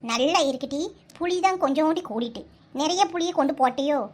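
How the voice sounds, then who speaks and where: A woman voicing an elderly, easygoing village grandmother in a cartoon, speaking with a Kanyakumari accent and gently scolding her daughter. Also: sits high, a little fast, a little hiss or hum, close to an everyday voice. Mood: soothing. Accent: Kanyakumari Tamil. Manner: easygoing, soothing, mild scolding. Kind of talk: cartoon voice acting.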